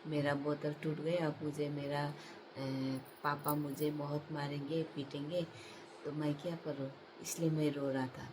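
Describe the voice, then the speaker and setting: A woman's voice: sits low, level tone, measured pace, background noise. A woman voicing a crying young boy who is scared of his father, in a spoken comic folk tale. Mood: tearful.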